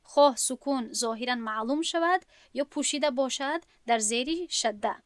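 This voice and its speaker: A woman gives a recorded lesson on Quran recitation. Her voice sits fairly high, and it sounds dry and close with almost no room around it. She works through each point patiently and restates things in other words. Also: dry recording. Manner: patient, explains step by step and rephrases often.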